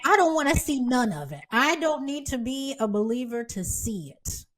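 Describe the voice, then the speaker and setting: A woman hosting a podcast in casual chat, expressive and quick to react to her guest. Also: high-pitched. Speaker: podcast host.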